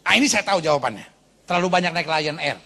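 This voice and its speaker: A man preaching as a pastor, lively and animated, tossing in English phrases and calling the congregation to applaud and say amen. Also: fairly high pitch, fast, vocal fry. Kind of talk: sermon. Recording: long reverb of a large hall.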